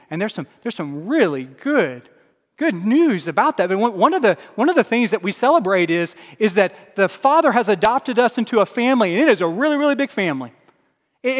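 Pastor guy preaching, higher voice, big swells then goes quiet, long church reverb. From Alabama. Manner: emphatic preaching with swells and drops in volume. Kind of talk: sermon.

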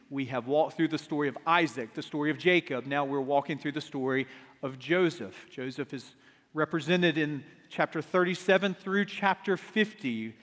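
A man preaching a sermon into a pulpit microphone in a church sanctuary, asking rhetorical questions and often restarting his words. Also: a little high. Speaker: pastor. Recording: long hall reverb.

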